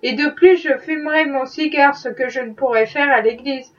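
A woman reading a novel aloud, voicing an ironic wealthy gentleman who is a worldly skeptic, with a dry, mocking manner. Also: high-pitched, normal speed, far from the mic, muffled recording, natural voice. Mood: wry. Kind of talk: audiobook reading.

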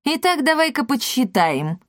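Loud blustering cattle trader, greedy man, as a woman acts him, high and slow, storybook. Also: very animated, dry recording, studio quality. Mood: furious. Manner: shouting, blustering.

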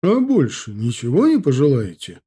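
A man voicing a stern, sharp-tongued grandmother in an audiobook, snappish and scolding. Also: high-pitched, normal speed, voice pushed up, natural voice. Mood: indignant. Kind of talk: audiobook character voice.

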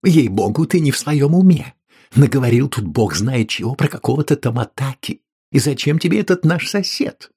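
A man reading an audiobook, voicing an excitable, pious innkeeper's wife with raised, indignant outbursts and a raspy voice. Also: medium pitch, moderate pace. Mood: alarmed. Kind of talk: audiobook character voice.

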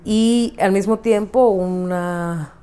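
In a mellow, smooth, medium-pitched voice, a middle-aged woman from Honduras speaks thoughtfully about politics as an interview guest. A feminist activist and writer, she pauses to find her words, restarts often and adds tag questions in this reflective, conversational interview.

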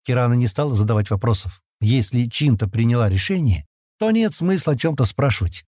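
A male narrator reads a science-fiction audiobook in a steady storytelling manner. His voice is dark and mellow, with wide, animated swings in pitch. The recording is dry and close, with no room sound. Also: brisk, no echo.

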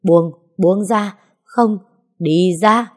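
A woman voicing a gruff, stubborn middle-aged man. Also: lowish voice, moderate pace, dark tone, close to an everyday voice. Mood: agitated. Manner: blunt, curt, coarse.

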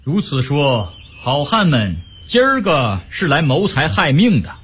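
A male storyteller voicing a calm, dignified imperial envoy who speaks in measured tones. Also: a little high, breathy edge, heavily acted. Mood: steady. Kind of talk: Chinese storytelling radio performance.

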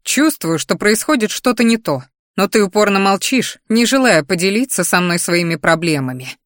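A woman voicing a blunt young male warrior who is the hero's friend and speaks gruffly. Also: mid-range voice, lively intonation, normal speed, no echo, studio quality, lightly acted. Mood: insistent. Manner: gruff and brusque.

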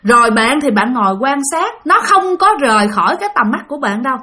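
A woman's voice: high voice, animated, fairly quick, sharp tone. A woman, telling a ghost story in a chatty way that speaks straight to her listeners. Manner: chatty, addresses listeners directly. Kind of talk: casual ghost-story narration.

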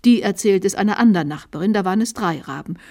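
A woman's voice: medium pitch, lively intonation, quick pace, mellow. Woman reading a story aloud. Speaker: narrator. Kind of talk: scripted literary reading for radio.

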